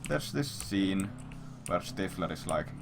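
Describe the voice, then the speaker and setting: A man with a low, gravelly voice and lively intonation speaks slowly as he casually rambles through a crude, heavily sworn story for stream viewers. Keyboard sounds come through the noisy stream audio.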